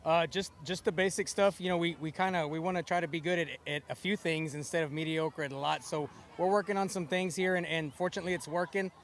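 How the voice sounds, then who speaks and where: A man with an American accent, a football coach answering in a sideline interview, haltingly and repeating words. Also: fairly high pitch, fairly even intonation, slight background noise.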